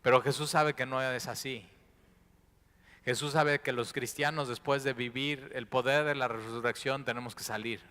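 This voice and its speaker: A man preaching from the pulpit, his voice bright and forceful. He drops to a hush, then rises to fervent, loud declarations. The sound hangs in a long, reverberant church hall. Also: mid-range voice, fairly even intonation, normal speed, clean tone. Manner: swings between hushed and loud impassioned preaching. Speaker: pastor. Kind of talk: sermon.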